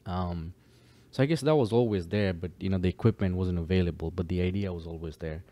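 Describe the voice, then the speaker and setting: Low, mellow-voiced man, relaxed. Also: brisk. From Kenya. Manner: relaxed, easygoing, many fillers. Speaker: guest, DJ and producer. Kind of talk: casual podcast chat.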